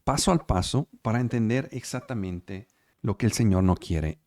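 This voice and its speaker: Leading an online sermon and Bible study from home by video call, this man speaks Spanish as his second language, stressing repeated words and regularly checking on his listeners. His fairly low, darkish voice moves at a moderate pace, captured in a dry, clean studio recording.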